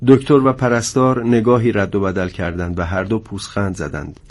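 A man narrating a dramatic story in a measured, tense way. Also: fairly low pitch, fairly even intonation.

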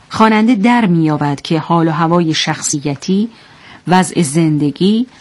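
A woman presenting scripted literary commentary in a clear, didactic manner, and narrating a story. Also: fairly low pitch, a little mellow.

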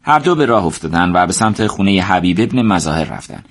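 Man, storyteller, scripted narration, fairly low voice, steady measured delivery. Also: slight background noise.

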